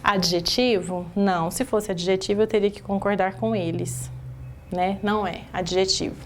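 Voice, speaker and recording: A woman's voice: medium pitch, steady tone, moderate pace, slight background noise. A woman with a Brazilian Portuguese accent teaching an exam-prep grammar lesson, going through a sentence word by word and putting rhetorical questions to the class.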